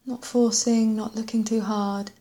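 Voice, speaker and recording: A woman leading a guided body scan meditation in a gentle, unhurried way, leaving long pauses and letting phrase ends trail off softly. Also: on the high side, level tone.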